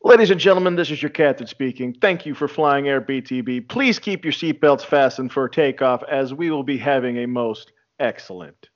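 A man's voice: mid-range voice, normal speed, few pauses, lightly acted. Guy doing a pilot talking over the intercom, mock formal, kinda dull lo-fi audio. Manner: mock-formal announcer delivery. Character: male airline captain announcing over the intercom. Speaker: co-host.

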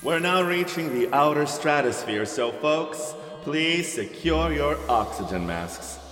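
A man's voice: on the high side, expressive, takes it slowly, fairly bright tone, faint music behind. An actor playing a folksy, cheerful male theme-park ride captain who talks in hammy showman patter. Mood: thrilled. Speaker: ride narrator. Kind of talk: scripted ride spiel. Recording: echoey hall with background noise.

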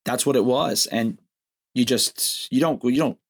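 A man, a guest songwriter, talking reflectively in a casual podcast chat, with many halting restarts. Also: medium pitch.

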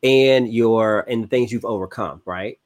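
A man's voice: on the low side, a little slow. A man talks easily as a podcast co-host. He rambles a little, with plenty of fillers and repeats. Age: 30s. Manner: relaxed, lots of fillers and repeats. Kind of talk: casual chat.

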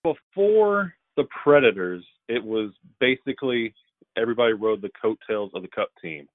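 A man's voice: lowish voice, expressive, normal speed, no echo. A man from Alabama chatting casually as a fan guest in an interview, heard over a narrow call connection. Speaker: podcast guest, hockey fan. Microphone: remote call. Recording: narrow phone-like call audio.

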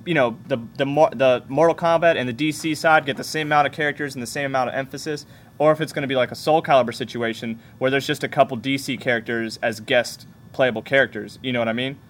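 A young man hosting a casual gaming podcast, chatty and full of halting restarts. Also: medium pitch, steady tone, a bit bright. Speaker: podcast host, game store worker.

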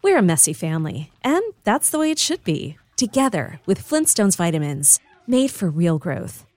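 A woman's voice: lowish voice, very animated, darkish tone, dry recording. Playful woman reading an ad. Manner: playful, upbeat delivery with drawn-out words. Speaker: ad narrator. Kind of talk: scripted advertisement read.

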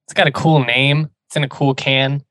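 A man's voice: medium pitch, level tone, normal speed, fairly bright tone, no echo. A man hosting a sports podcast, talking informally and chattily, slipping into conversational ad reads.

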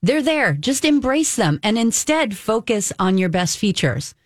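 A woman in her fifties chats about beauty on a radio show, upbeat, encouraging and emphatic. Her pitch moves in a lively, animated way, and the studio sound around her is dry and close. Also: measured pace, dry recording. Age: 50s. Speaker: beauty expert co-host. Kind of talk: casual radio chat.

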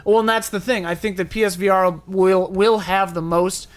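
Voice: mid-range voice, steady tone, moderate pace. Emphatic, opinionated podcast panelist. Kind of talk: casual chat.

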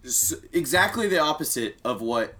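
A man's voice: medium pitch, animated, normal speed, sharp tone. A man co-hosting a casual podcast, talking at length in a rambling way. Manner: rambling, many fillers and restarts. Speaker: podcast co-host. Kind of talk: casual chat.

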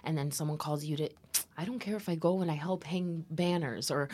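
A young woman from Miami, a podcast guest chatting casually and animatedly, often dropping into soft breathy asides. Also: sits low, fairly quick. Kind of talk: casual interview chat.

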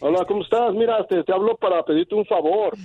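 A man's voice: high voice, a little fast, no room sound. A man with a Mexico City accent calling a radio show, eager and pleading as he asks for a favor. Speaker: radio caller. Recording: dry, tinny phone line.

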